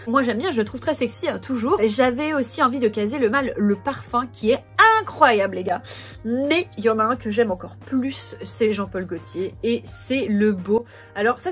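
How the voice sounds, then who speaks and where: Chatty young woman reviewing perfumes, bright. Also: on the high side. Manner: chatty, playful, rattles off names. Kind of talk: casual ranking vlog.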